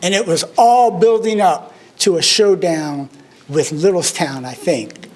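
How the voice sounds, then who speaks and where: A man's voice: high-pitched, unhurried, a little mellow. A man, giving a memorial tribute speech. He tells humorous, self-deprecating stories. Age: 60s. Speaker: alumnus speaker at a memorial service.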